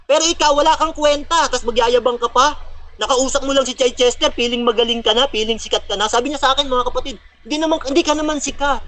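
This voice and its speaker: High, bright-voiced man taunting a rival. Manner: taunting, mocking, quotes Bible verses, laughs at opponent. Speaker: preacher speaking after a debate. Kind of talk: heated post-debate rant.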